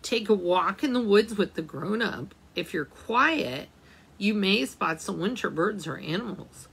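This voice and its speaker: With an animated, gravelly, slightly rough mid-range voice, a librarian reads a picture book to children. She takes it slow and gentle, pausing now and then to pose questions to the kids.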